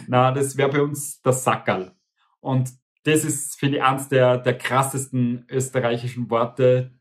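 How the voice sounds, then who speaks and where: A man with a Viennese Austrian accent, chatting casually and laughing often as he compares words. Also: mid-range voice. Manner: laughs often, relaxed and playful. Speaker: co-host. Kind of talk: casual chat.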